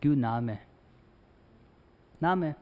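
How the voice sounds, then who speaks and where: A man's voice: a little high, animated, slow pace, warm tone. A male teacher giving a chatty classroom lecture, acting out little scenes as he explains. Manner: chatty, mixes Hindi with English, acts out little scenes. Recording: long hall reverb.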